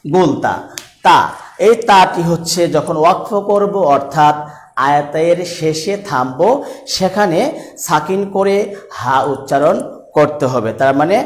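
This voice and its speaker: A man from Bangladesh teaching Quran reading, with a fairly high voice and a very slow, drawn-out delivery. He spells out each letter and vowel mark, then chants the joined words in a melodic recitation. The recording is roomy and echoey. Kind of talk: online Quran reading lesson. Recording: echoey room.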